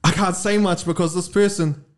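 High-pitched man, Māori New Zealand accent. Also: fairly even intonation, a little fast. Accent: Māori New Zealand English. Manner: playfully grand introductions. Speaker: podcast host. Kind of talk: casual hosting chat.

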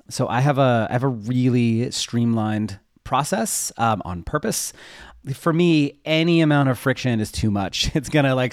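An interview guest who works as a web developer and newsletter writer answers questions casually, rambling and often interrupting himself. His voice is medium-pitched, recorded clean in a studio with no echo.

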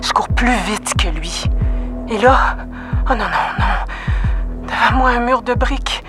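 A woman's voice: fairly high pitch, measured pace, natural voice. An actress with a Québécois French accent voicing a hunted woman who narrates her escape in short, clipped first-person lines. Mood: tense, breathless. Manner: terse, tense, clipped fragments. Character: hunted young woman, tense then coldly calm. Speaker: narrator-protagonist of an audio drama. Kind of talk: intimate first-person radio drama narration. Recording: clear music under the voice. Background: music score.

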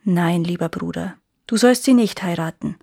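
A woman voicing a young girl who answers calmly and firmly. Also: fairly low pitch, moderate pace, gravelly, slightly rough, no echo, clean studio sound, pitched below the performer's own voice. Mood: resolute. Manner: firm and steady. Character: young girl, calm and resolute.

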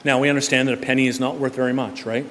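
A male pastor preaches in an everyday conversational manner, mid-range in pitch, rising to loud emphatic bursts and then dropping to a near hush. His voice carries a long reverb from the church sanctuary. A faint murmur of room noise sits under it. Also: level tone, racing. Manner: conversational preaching with sudden swings from loud to hushed. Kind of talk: sermon.

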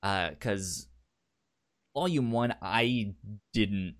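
Speaking very slowly in a lowish voice, this book club podcast co-host chats casually. He frequently stammers at the start of words and repeats them.

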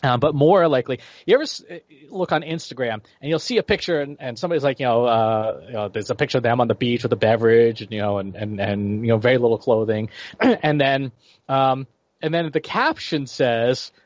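A man's voice: medium pitch, fairly quick, dry recording. Man in his forties, explaining with "right?" checks. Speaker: guest expert. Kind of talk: explanatory interview answers. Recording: dry, slightly dull lo-fi audio.

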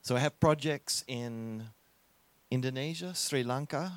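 A man's voice: mid-range voice, no echo. Aussie guy preaching, friendly and jokey, stops every few words for the translator, dry sound. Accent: Australian. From Australia. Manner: friendly, jokey, pauses for the interpreter. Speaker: guest preacher. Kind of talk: sermon with live interpretation.

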